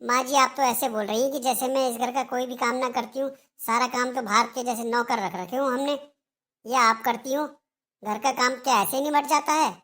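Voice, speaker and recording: A resentful young daughter-in-law who answers back sharply, voiced by a woman for a cartoon. Her voice is a little high, with complaining, indignant turns. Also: steady tone, brisk, fairly bright tone, natural voice. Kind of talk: Hindi cartoon dialogue.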